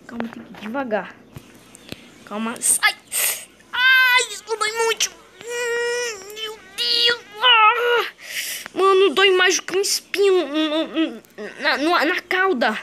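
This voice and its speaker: A woman's voice: fairly high pitch, moderate pace, pauses often, background noise, natural voice. Woman playing a chatty young green dinosaur. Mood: hurting. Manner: chatty, slangy, talks to itself. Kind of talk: in-character game role-play.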